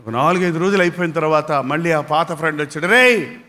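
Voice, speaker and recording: Male pastor, high voice, dramatic emotional preaching, long hall echo. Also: steady tone, fast talker. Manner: dramatic, emotional preaching with big swings in loudness. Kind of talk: sermon with storytelling.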